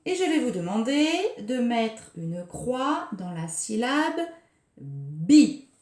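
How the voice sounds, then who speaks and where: A woman preschool teacher giving a recorded lesson for young children, speaking slowly and articulating each syllable with care. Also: a little high, very animated, a little mellow. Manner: slow, carefully articulated, scanning syllables. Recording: roomy echo.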